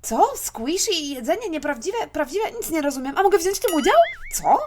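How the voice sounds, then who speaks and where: A woman's voice: sits high, very animated, brisk, background noise. Woman voicing a chatty meddling mom. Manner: bubbly, confused, chatty. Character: curious, meddling, cheerful mother. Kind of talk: toy figure play voice-over.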